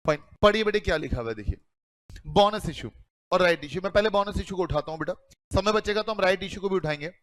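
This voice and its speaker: A man's voice: high voice, animated, fast, fairly bright tone, dry recording. A man teaching accounting to a class, calling students "beta" and asking then answering his own questions. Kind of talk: classroom lecture.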